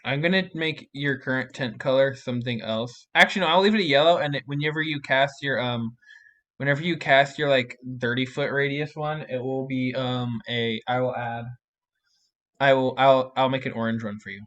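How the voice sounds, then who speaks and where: A man's voice: medium pitch, moderate pace, a bit bright. A man running a tabletop game as game master on a livestream, thinking aloud with many restarts.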